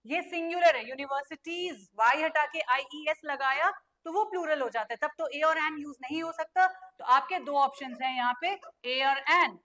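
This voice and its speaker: A young woman teaching an online grammar lesson. She asks her students questions and answers them herself, and she spells letters out slowly. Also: high-pitched, a bit bright.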